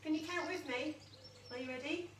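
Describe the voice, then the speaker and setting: High-voiced woman teaching a child to count, echoey room. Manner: teaching a child to count, slow simple prompts; speaks directly to young children, with encouraging questions. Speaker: children's singalong host. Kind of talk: live toddler singing and craft session. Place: indoors at home. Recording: echoey room, distant mic, faint noise.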